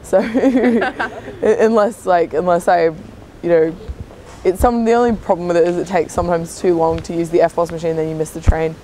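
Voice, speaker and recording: A woman with a low, soft-edged dark voice answers in a casual vox pop. Faint noise sits behind her. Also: fairly even intonation, normal speed. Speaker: member of the public.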